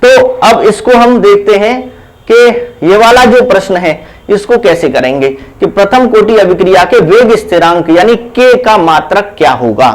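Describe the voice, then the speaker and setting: A man's voice: high-pitched, animated, rough recording. A man teaching a chemistry lesson for exam preparation. He speaks, repeats key terms and asks questions that he then answers himself. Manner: slow, repetitive, asks rhetorical questions then answers them. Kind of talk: exam-prep lesson explaining at a board.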